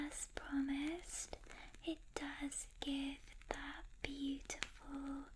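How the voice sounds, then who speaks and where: A woman in a whispered role-play as a personal shopper, softly and gently presenting products in a breathy whisper. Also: sits high, noisy background.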